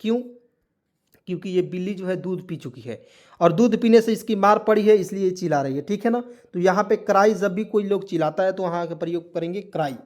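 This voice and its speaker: A man with a high, slightly quick voice teaches English vocabulary as a lesson. He drills the words, repeatedly asking his viewers what each one means before repeating the answer himself.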